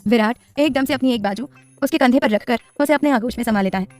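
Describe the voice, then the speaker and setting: Fast-paced woman storyteller over music. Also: a little high. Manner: reads with expressive dialogue voices. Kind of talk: scripted story narration.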